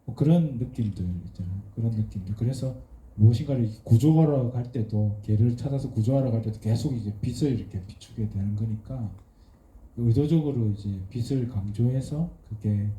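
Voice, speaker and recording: A man speaks in a halting, thoughtful way at a post-screening talk, often pausing and restarting. His voice is very dark and mellow. It rings in an echoey event hall. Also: medium pitch. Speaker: guest writer.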